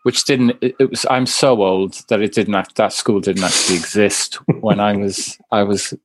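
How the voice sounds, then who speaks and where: A man's voice: on the low side, steady tone, moderate pace, no echo, poor audio. A middle-aged man with a Swansea Welsh accent, chatting casually about sport as a podcast pundit. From Swansea, Wales.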